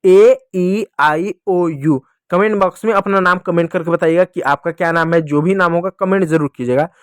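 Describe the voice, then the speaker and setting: A man teaching English to children, slowly drawing out spelling drills and prompting the kids to repeat. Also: sits high, no room sound, clean studio sound. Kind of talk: classroom-style teaching lesson.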